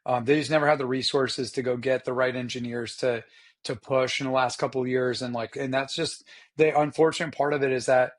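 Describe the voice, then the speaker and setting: A man with a hoarse, rough voice and a middling pitch co-hosts a casual sports podcast. He rambles along with enthusiasm, using plenty of slang as he thinks aloud. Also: fairly even intonation, fairly quick. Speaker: podcast co-host. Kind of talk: casual motorsport chat.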